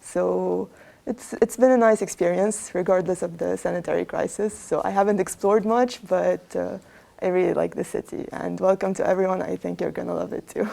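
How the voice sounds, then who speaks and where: A woman's voice: fairly low pitch, steady tone, moderate pace, creaky, mellow. A young woman from Lebanon, a PhD student talking in a friendly, encouraging way in a casual roundtable discussion.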